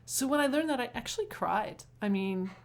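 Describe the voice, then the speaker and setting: A middle-aged woman, a performance coach, telling stories in an interview conversation with lively, animated delivery. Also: on the high side, normal speed. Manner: animated storytelling, acts out quotes.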